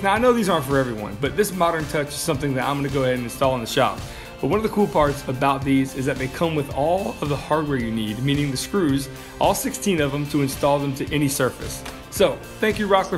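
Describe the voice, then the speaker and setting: A man in his thirties, the host of a woodworking channel, casually explaining a build in his home workshop. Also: on the high side. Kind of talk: tutorial voice-over and talk to camera. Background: background music.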